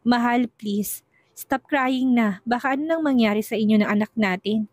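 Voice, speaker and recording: A woman voicing a gentle, earnest young man who is in love, in a storybook reading. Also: fairly high pitch, steady tone, a little fast, no echo, lightly acted. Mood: soothing. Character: tender lovesick young man. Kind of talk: storybook narration.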